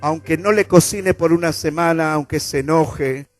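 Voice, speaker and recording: This Argentine-accented pastor speaks at a normal speed in a slightly high voice, leading his church auditorium congregation to echo the phrases he repeats. There's no echo, just faint music behind him.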